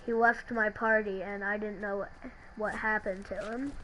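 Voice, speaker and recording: A woman telling a creepy story in a halting, hesitant way, often restarting her sentences. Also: medium pitch, flat delivery, noisy background. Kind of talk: creepypasta narration.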